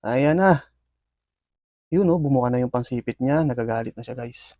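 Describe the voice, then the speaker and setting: A man's voice: medium pitch, moderate pace, no room sound, dull audio. A man, chatting casually to his viewers while he feeds his pet scorpions and calls the action. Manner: excited play-by-play with frequent fillers, addressing viewers. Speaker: pet scorpion keeper and video host. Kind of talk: casual commentary while feeding pets.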